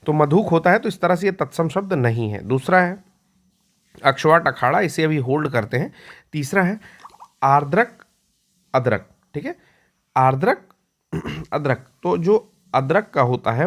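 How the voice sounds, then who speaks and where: A male teacher giving an exam-prep lecture. He explains patiently, repeats key words slowly and often clears his throat. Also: fairly high pitch, expressive, fairly bright tone.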